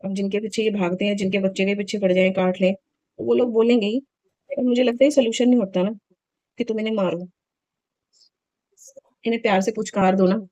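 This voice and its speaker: A woman's voice: medium pitch, steady tone, fairly quick, pauses often, mellow, no room sound, low-quality recording. A woman in her thirties chatting casually in a home vlog, telling a story in an indignant, talkative way. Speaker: vlogger.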